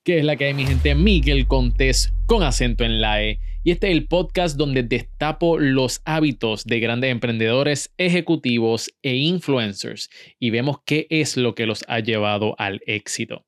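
A man hosting a solo podcast, upbeat and energetic as he talks straight to his listeners. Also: medium pitch, normal speed, a little hiss or hum. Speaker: podcast host.

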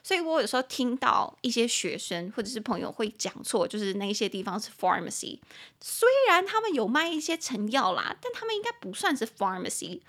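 A young woman with a Taiwanese Mandarin accent hosting a podcast English lesson, mixing Mandarin and English and slowly spelling words out letter by letter. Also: a little high, sing-song, a bit bright. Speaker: podcast host and English teacher.

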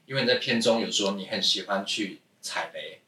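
A man's voice: lowish voice, fairly quick, sharp tone, distant mic. A man with a Taiwanese Mandarin accent, hosting a podcast interview and asking teasing, joking questions. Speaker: podcast host. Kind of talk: casual interview. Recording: roomy, set back from the mic.

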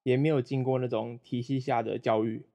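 A man's voice: mid-range voice, steady tone, fairly quick, creaky, dark tone. A young man from Malaysia chatting casually over a remote call as a guest, rambling with frequent restarts and self-deprecating humor. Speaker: guest, former roommate.

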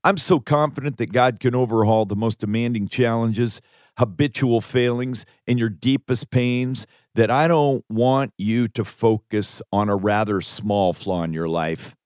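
A man in his fifties, an American pastor and author, reads his own audiobook at a measured pace in a medium-pitched, somewhat dark voice. The close studio microphone gives a dry, studio-quality recording, and his delivery is emphatic, earnest, and preacherly.

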